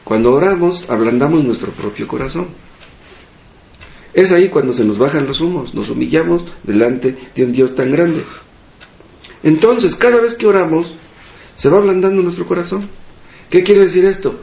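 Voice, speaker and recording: A man's voice: fairly high pitch, normal speed, vocal fry, pauses often, darkish tone, echoey room. A man with a Mexican Spanish accent preaching a sermon as pastor, asking rhetorical questions and repeating phrases for emphasis. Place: church hall.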